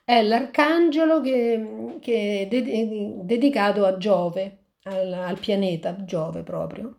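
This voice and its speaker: A woman reading a fairy tale aloud and pausing to reflect on it, talking in a halting way with frequent restarts. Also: medium pitch, vocal fry, a little mellow. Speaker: storyteller.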